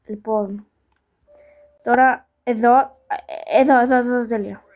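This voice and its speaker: A woman with a slightly high voice hosts her own small channel, thinking aloud as she plays a puzzle game. She talks casually and repeats little words as she weighs each move. Now and then she apologises to her viewers and makes fun of her own playing. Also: steady tone, a little mellow, faint music behind. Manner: self-mocking and apologetic toward viewers. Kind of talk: casual gameplay commentary.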